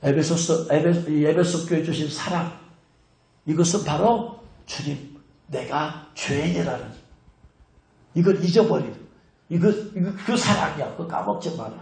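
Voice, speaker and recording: A male pastor preaching a sermon, scolding and teasing his congregation in a direct, animated way. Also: on the high side, unhurried, vocal fry, long pauses. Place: church sanctuary. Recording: echoey church hall.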